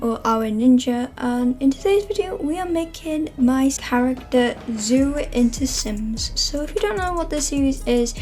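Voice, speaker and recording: A young Welsh woman hosts her channel with casual, chatty vlog narration, rambling with plenty of fillers and correcting herself as she goes. Her voice is fairly high and a little mellow.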